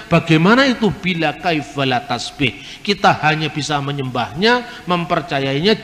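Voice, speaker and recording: A man's voice: on the high side, a bit bright. A man delivers a religious lecture in a slightly raised voice, laying out each point patiently and stopping to throw rhetorical questions at his listeners. His voice rings with a long hall reverb that trails behind every phrase.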